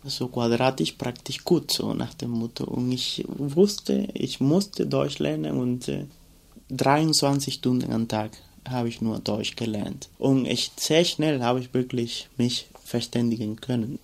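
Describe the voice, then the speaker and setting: A reflective Cuban man whose first language is Spanish tells a personal story as an interviewee. His gravelly, mid-range voice moves at a measured pace as he searches for words, using many fillers.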